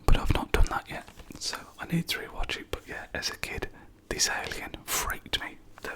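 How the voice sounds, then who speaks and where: The speaker is an adult ASMR creator looking over their own movie collection, whispering slowly and softly and filling pauses with "um" and "yeah."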